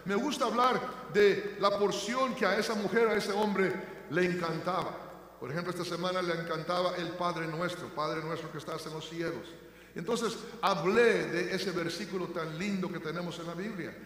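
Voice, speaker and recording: An older man preaching a sermon as pastor, shifting between fervent loud proclaiming and quiet tender storytelling. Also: high voice, steady tone, moderate pace. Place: church sanctuary. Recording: echoey church hall.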